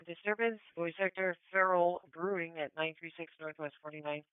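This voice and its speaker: An American police dispatcher relays procedural traffic over a two-way radio, clipped and businesslike. The voice is medium-pitched, brisk, and smooth with no echo, though the audio is thin and phone-like, like a police scanner.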